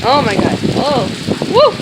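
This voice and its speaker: A vlogger gives casual, rambling commentary at a middling pitch, filming on a phone outside. The phone mic is swamped by very loud wind and rain noise. The talk is loose and informal, made up on the spot. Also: normal speed. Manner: informal running commentary with frequent "like" and hedging. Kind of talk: casual handheld vlog narration. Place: outdoors in windy, rainy weather. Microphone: handheld phone.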